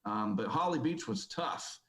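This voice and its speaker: A man gives a talk at a conference, rambling through his story in a loose, casual way. His voice sits at a middling pitch, and his sentences are full of ums and uhs. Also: lively intonation, measured pace, a bit bright, rough recording. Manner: casual, rambling, with many fillers. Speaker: conference speaker. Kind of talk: presentation talk. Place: conference hall.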